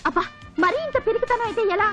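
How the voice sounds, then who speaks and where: A woman's voice: extremely high pitch, fast talker, over music. A teasing young village girl. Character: playful teasing young village woman in love.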